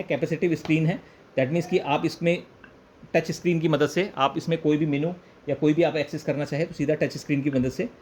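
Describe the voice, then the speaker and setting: An Indian man gives an informal product demonstration, explaining step by step, repeating points and mixing in English phrases. His voice is fairly high with a darkish tone, and the recording has clear background noise and room ambience.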